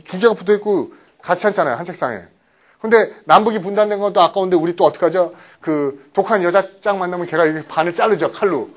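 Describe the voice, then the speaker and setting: A middle-aged male lecturer with a slightly high, very lively voice that swoops up and down. He explains English vocabulary to a class and often acts out little phone calls and quoted voices. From Korea.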